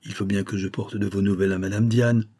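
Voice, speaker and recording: A man's voice: lowish voice, flat delivery, fast, dark tone, natural voice. A man reading a cheeky, eager boy. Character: bold young boy, a royalist poacher's lad.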